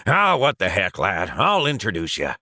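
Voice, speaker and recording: An actor playing an older male office pen in a cartoon, a calm, teasing mentor who keeps calling others lad. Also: low-pitched, moderate pace, dry recording, studio quality, heavily acted. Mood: coaxing. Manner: jokey, calls others lad and laddie. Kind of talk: animated cartoon voice acting.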